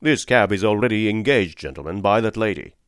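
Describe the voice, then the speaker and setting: A man's voice: fairly low pitch, expressive, a little fast, clear, resonant tone, dry recording, clean studio sound, lightly acted. A man voicing a kindly working-class cab driver, firm and fatherly, plain-spoken and reassuring in a storybook reading. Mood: stern.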